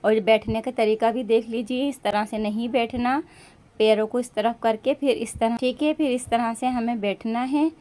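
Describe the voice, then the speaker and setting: A woman's voice: on the high side, steady tone, a little mellow. A woman giving a step-by-step religious lesson, speaking patiently and stretching words out to show how they should be pronounced. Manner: slow and patient, drawing out words to demonstrate pronunciation. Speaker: religious teacher.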